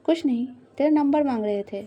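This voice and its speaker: A woman's voice: high voice, lo-fi sound, pitched above the performer's own voice, close to an everyday voice. Woman doing a chatty schoolboy friend. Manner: quick, chatty explaining. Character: young male schoolboy friend, chatty and cautious.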